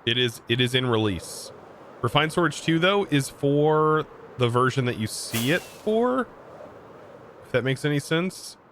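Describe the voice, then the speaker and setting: A man's voice: medium pitch, expressive, a little slow, fairly bright tone, a little hiss or hum. An American man streaming a game, chatting casually and answering his chat in disbelief. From United States. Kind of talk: casual livestream chat while gaming.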